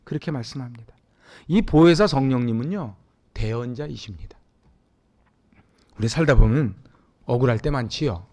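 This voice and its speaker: A middle-aged Korean man from Seoul preaching a Sunday sermon as pastor, talking with the congregation and swinging between loud emphatic peaks and hushed, near-whispered asides. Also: medium pitch, lively intonation, moderate pace, pauses often. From Seoul, South Korea. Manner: conversational, asks the congregation questions.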